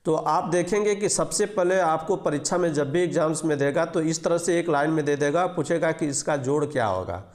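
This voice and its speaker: This math teacher, a man, talks fairly quickly with few pauses in a slightly high voice. He works through basic arithmetic step by step, repeating rules, covering each digit, and asking questions before supplying the answers.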